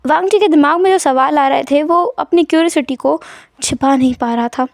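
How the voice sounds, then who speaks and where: A woman retelling a fan story with lively, expressive narration. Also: high-pitched, a little fast, vocal fry, no room sound, studio quality.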